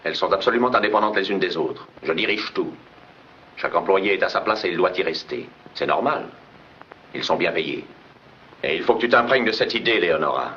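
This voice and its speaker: A cold, domineering tycoon husband. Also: male voice, low voice, lively intonation, fairly quick, pushed and bright. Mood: contemptuous. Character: cold, controlling rich male tycoon husband. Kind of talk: 1940s film dub acting. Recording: dull old film soundtrack with hiss.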